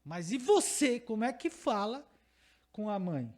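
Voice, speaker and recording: A man with a Brazilian Portuguese accent preaches a teaching sermon in a strikingly high voice. He presses his points by repeating phrases and putting questions to the congregation. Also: sing-song, measured pace, darkish tone. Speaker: pastor.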